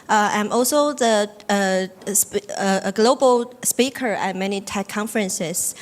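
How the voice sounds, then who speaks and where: Woman on a panel, polite, measured, lots of uhs. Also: medium pitch. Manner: polite, measured, many fillers. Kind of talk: panel self-introduction.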